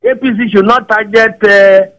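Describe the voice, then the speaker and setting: A man's voice: high-pitched, steady tone, moderate pace, a bit bright. A man with a Nigerian accent, a caller on a radio talk show, heard over a faint lo-fi phone line and repeating his greetings.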